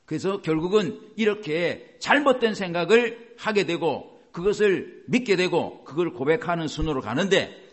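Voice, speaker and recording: A man preaching a sermon as a pastor, animated and often acting out the voices he quotes. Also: a little high.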